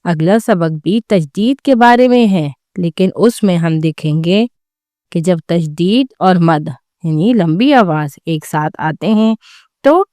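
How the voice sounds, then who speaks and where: A woman's voice: on the low side, darkish tone, dry recording, studio quality. A woman hosting a Quran lesson channel, reading a scripted, encouraging wrap-up of the lesson. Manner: encouraging, praising the learners.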